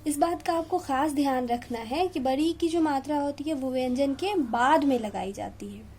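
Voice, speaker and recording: A woman's voice: high-pitched, moderate pace, a little mellow, a little hiss or hum. A young woman teaching a kindergarten Hindi lesson, stretching out and stressing each syllable for small children. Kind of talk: slow classroom video lesson.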